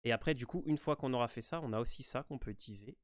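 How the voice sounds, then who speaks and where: Commentating a game walkthrough, a relaxed man with a French accent and a middle-pitched voice keeps pausing and starting his sentences over, leaning on fillers. The audio is dry and intimate, with no echo from the room.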